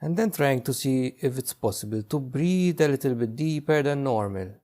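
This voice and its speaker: With an expressive, mid-range voice, this man leads a guided meditation as its teacher. He speaks softly and slowly, leaving long silences between his directions.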